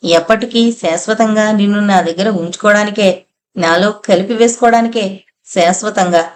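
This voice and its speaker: A woman narrator voicing a seductive, possessive female spirit in an audio novel, speaking softly and coaxingly. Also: mid-range voice, moderate pace, lightly acted. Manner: soft, coaxing, whispery.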